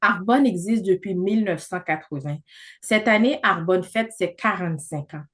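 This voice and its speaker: Chatty woman pitching over a video call. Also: moderate pace, a bit bright. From not from Canada. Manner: chatty, many fillers, persuasive. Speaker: presenter of a business opportunity.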